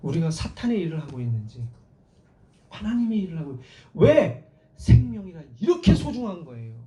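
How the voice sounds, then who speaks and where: Animated Korean pastor preaching in echo. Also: male voice, fairly high pitch, moderate pace. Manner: animated preaching, acts out quotes with shouts. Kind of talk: sermon. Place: church sanctuary.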